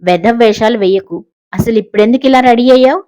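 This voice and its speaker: A woman voicing a loud, fussy, scolding middle-aged mother in an audiobook story. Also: fairly high pitch, quick pace, lightly acted, low-quality recording. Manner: scolding, shouting.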